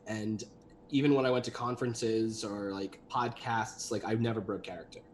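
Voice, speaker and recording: A man's voice: fairly low pitch, steady tone, normal speed. Young man, rambling casual talk, many fillers, livestream guest, faint hiss behind. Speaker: guest, voice actor and animator.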